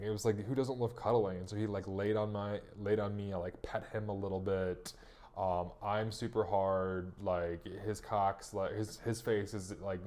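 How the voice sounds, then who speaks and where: A man's voice: lowish voice, a little mellow. A young man telling a personal story in a candid, rambling monologue, full of fillers and swearing. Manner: profane, rambling with many fillers. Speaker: vlogger recounting a personal story.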